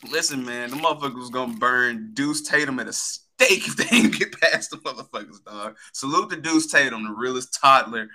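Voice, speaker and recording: Male podcast co-host, very bright and forceful, bro-ish ranting, slangy and profane. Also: mid-range voice, brisk, few pauses. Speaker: co-host of a sports talk podcast. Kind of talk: casual, heavily slangy podcast banter.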